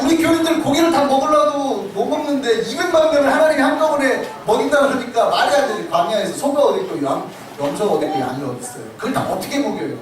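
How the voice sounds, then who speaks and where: A male pastor delivering a sermon in animated storytelling, acting out the voices in it. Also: very high voice. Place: church sanctuary. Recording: echoey sanctuary, distant mic, noisy.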